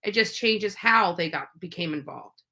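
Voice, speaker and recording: A woman with a medium-pitched, expressive voice talks at a moderate pace, sounding pushed and bright. In unscripted livestream commentary on true crime, she voices strong opinions and accusations emphatically, repeating phrases for force.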